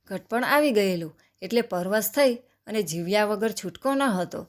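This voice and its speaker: A woman's voice: mid-range voice, expressive, moderate pace. Woman narrating a devotional tale.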